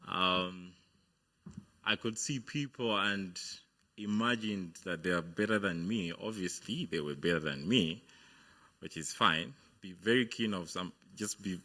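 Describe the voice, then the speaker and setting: A young Ugandan man with a deep, bright, forceful voice speaks unhurriedly on stage at a university event. He's a business founder invited as a guest speaker, giving a motivational speech about his studies, though he sounds hesitant, with lots of fillers and restarts.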